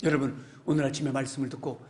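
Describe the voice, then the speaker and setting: A male pastor preaching a sermon in a church, telling stories with animated delivery and swelling into emphatic exhortation. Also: mid-range voice, fast, slight background noise. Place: church sanctuary.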